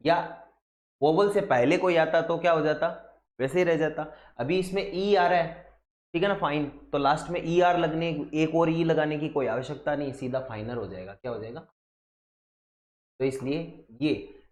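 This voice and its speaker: A man's voice: on the high side, echoey room. Patient Indian man teaching grammar. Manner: patient, explains step by step with rhetorical questions; mixes Hindi with English terms. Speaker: English teacher. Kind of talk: exam-prep grammar lesson.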